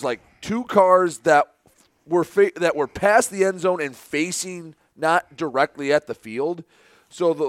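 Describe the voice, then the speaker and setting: Smooth-voiced rambling podcast host. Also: male voice, on the high side, no room sound, clean studio sound. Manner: rambling storyteller, laughs often. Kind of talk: casual chat.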